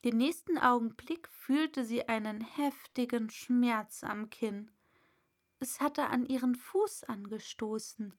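A woman reading a storybook aloud in a calm, measured way. Her voice sits a little high and she takes her time over every sentence. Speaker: audiobook narrator. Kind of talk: scripted storybook narration.

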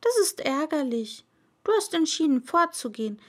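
A woman's voice: sits high, big pitch swings, normal speed, pitched above the performer's own voice. A woman voicing a proud, hurt but haughty flower in a storybook reading, speaking in curt, clipped urgings.

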